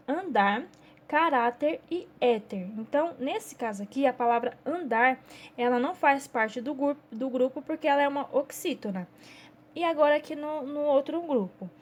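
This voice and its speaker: A woman teacher with a Brazilian Portuguese accent, patiently going through a children's workbook step by step and checking in often with her class. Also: sits high.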